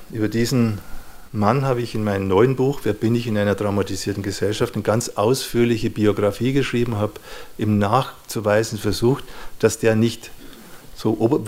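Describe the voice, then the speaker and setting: Low-voiced man lecturing on psychology. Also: darkish tone. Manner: thoughtful, searching for words, frequent "ja" and "ne". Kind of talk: lecture to an audience.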